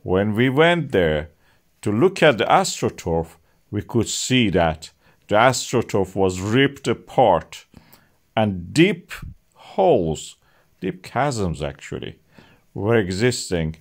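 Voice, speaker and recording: A middle-aged man narrating a science explainer as channel host, with non-native phrasing and emphatic rises on key words. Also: fairly low pitch.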